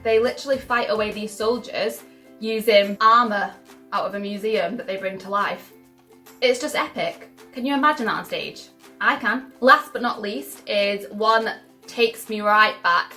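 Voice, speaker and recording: Bubbly young woman, bright voice. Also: on the high side. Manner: bubbly and gushing, many "like" fillers. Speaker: vlogger. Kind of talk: casual chat to camera.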